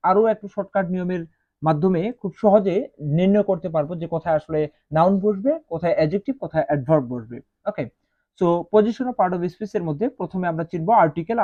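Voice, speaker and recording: A man teaching English grammar as a lesson, speaking slowly and repeating each example. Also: high voice. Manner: slow, repetitive, spells out each example. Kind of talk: explaining grammar rules to students. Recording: dull lo-fi sound.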